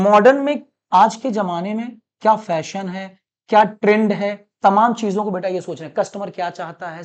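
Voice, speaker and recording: A man's voice: sits high, darkish tone. A male commerce teacher from Allahabad gives a lecture. He repeats each point and calls his students "beta". He mixes English terms into his explanations. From Allahabad, India. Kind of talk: classroom-style lecture.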